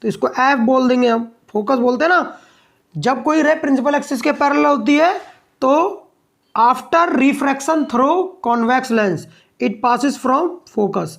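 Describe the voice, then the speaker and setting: A man's voice: very high voice, vocal fry, fairly bright tone. A male science teacher giving a classroom lesson. He asks the class questions and answers them himself, and he repeats key points so they stick. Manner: dictates notes slowly, word by word.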